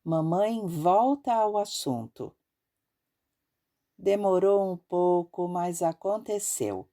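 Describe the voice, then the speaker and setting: A woman narrating an audiobook in a measured, expressive reading style. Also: fairly low pitch.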